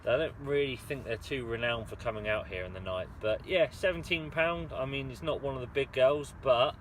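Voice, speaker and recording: A man's voice: mid-range voice, moderate pace. A British man chatting casually to camera in a rambling, understated way, outdoors while fishing. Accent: British English. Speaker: angler filming a fishing vlog. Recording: noisy outdoor recording with steady ambience.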